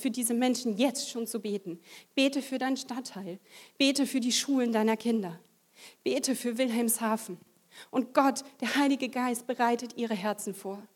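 A woman's voice: on the high side, darkish tone. A woman giving a testimony sermon to a congregation. She tells a story vividly and acts out the voices in it. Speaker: lay preacher.

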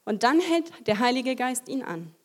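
A woman delivers a testimony sermon to a church audience. She tells her story vividly and acts out the voices she quotes. Her voice sits a little high. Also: sing-song, a little slow. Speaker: lay preacher.

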